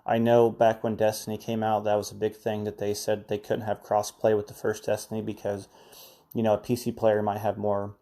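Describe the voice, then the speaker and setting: Male podcast host, mellow and relaxed tone, rambling casual news chat, slightly sick with cough drops. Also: lowish voice, fairly quick. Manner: rambling, chatty, filler-heavy news recap.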